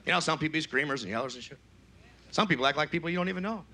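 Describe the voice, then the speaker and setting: Gravelly stand-up comedian, noisy live recording. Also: male voice, very fast. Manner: shouts high falsetto quotes of other people.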